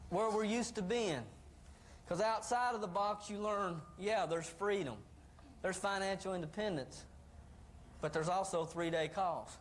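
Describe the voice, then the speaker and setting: Animated man giving a folksy seminar talk. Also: sits high, slight background noise. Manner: folksy, animated, acts out voices of doubters. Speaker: motivational speaker. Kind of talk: live motivational talk to an audience. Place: room with an audience.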